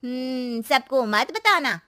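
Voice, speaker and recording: Cartoon story: woman plays scheming aunty, high and bright, coaxing. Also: lively intonation, takes it slowly, dry recording, studio quality, full character voice. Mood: sly. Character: nosy scheming neighbor aunty, sly. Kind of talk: storybook voice acting.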